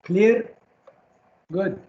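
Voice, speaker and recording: A man's voice: high-pitched, extremely slow, dull audio. A man lecturing a class on chemistry, firing short questions at students and repeating key terms so they stick.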